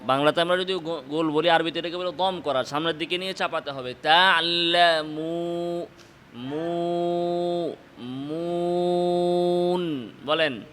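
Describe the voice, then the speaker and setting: A man with a Bangladeshi Bengali accent teaching Quran pronunciation, explaining in quick bursts and then chanting the example words slowly and drawn out. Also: fairly high pitch, a bit bright, a little hiss or hum.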